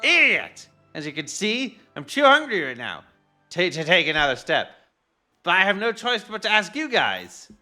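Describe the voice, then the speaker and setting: A lofty, excitable foodie chef who lectures everyone about true cuisine, as a man puts him on. The voice sits high and sharp, with wide swings in pitch. Faint game music plays underneath. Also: normal speed, heavily acted. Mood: pompous. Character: pompous wandering male foodie chef.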